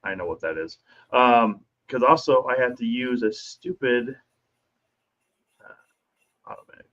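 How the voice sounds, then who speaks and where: A man co-hosting a casual live show, his voice coming through a thin, tinny mic with no bass, talking in a laid-back way with lots of fillers. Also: lively intonation, unhurried, fairly bright tone. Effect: thin tinny mic sound with no bass. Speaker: co-host. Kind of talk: casual chat.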